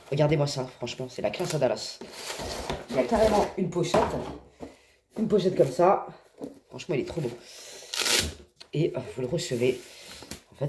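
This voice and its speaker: A young woman vlogging at home in a slangy, ranting, swearing style, sick with a cough. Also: sits low. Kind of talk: casual chat to camera. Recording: noisy with clicking sounds.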